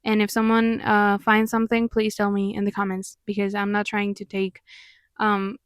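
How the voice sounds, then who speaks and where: Monotone and mid-range, the voice of this young woman from Mexico moves at a moderate pace in a studio-quality recording without echo. A native Spanish speaker with a Mexican accent, the vlogger and pop artist gives candid, reflective commentary that is earnest and sometimes exasperated.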